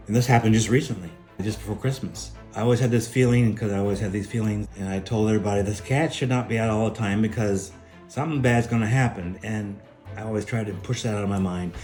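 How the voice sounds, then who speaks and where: A man's voice: lowish voice, warm tone. A middle-aged man telling a personal spiritual testimony in an earnest, emphatic, preacher-like way. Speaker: spiritual speaker sharing a testimony.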